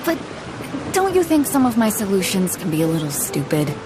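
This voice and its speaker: An actress plays an easygoing, bold, hearty female ship captain in a game cutscene, sounding confident and laughing easily. She speaks briskly at medium pitch with big pitch swings and light acting, over game music and background noise.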